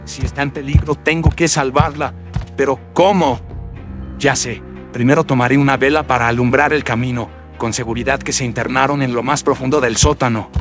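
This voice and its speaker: A man voices a frightened yet brave young man in a horror radio drama, talking to himself in melodramatic, exclamatory bursts that sound anxious but resolute. His mid-range voice is steady and a little fast, pitched slightly above his natural voice but close to everyday speech. Loud atmospheric music plays behind him.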